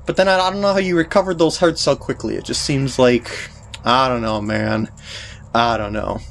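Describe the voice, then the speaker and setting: Mid-range and at a moderate pace, a man rambles and jokes his way through a video game, sometimes putting on silly voices for the characters. His voice is captured by a compact camera's mic, with slight background noise and game music playing.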